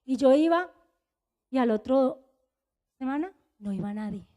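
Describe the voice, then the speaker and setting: A woman's voice: expressive, unhurried, mellow. A woman pastor with a Colombian Spanish accent, preaching a confessional sermon and acting out remembered dialogue. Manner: confessional storytelling, acting out dialogue, pitch swings high.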